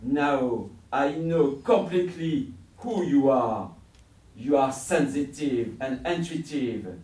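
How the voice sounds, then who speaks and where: A man performs a menacing, fox-like recruiter in a live tall tale. The voice is raised high and booms out slowly and commandingly. It rings through an echoey room, away from the mic. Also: lively intonation, darkish tone. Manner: commanding, booming, deliberate. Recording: roomy, distant mic.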